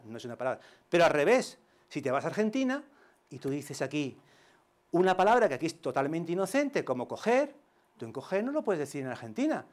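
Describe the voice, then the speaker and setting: A middle-aged male schoolteacher giving a conference talk, animated and full of joking examples. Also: fairly high pitch. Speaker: primary school teacher. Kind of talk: conference presentation.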